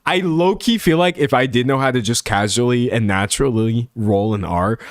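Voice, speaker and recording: Speaking at a moderate pace in a mid-range voice, a young man from San Antonio, Texas, streams live in studio quality with no echo. His Texan accent comes through as he reads chat, rambles, makes self-deprecating jokes and laughs often.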